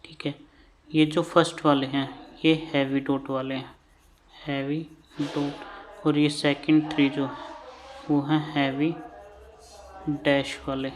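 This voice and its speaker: A man's voice: fairly high pitch, flat delivery, takes it slowly, pauses often. A man with an Indian English accent teaching shorthand vowels, patiently repeating each term while he writes. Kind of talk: slow classroom lesson at a board.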